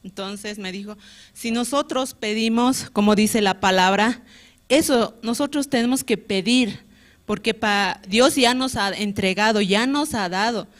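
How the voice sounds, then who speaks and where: A woman's voice: mid-range voice, measured pace. A woman with a Bolivian Spanish accent gives a personal church testimony, retelling frankly and earnestly and tagging nearly every phrase with a questioning "¿no?". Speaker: church member giving testimony.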